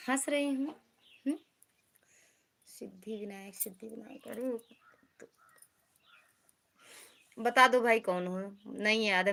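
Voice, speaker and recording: Woman, live-stream host; bright, fairly high voice, chatty and teasing as she reads out comments. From Uttar Pradesh, India. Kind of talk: casual live-stream chat with viewers.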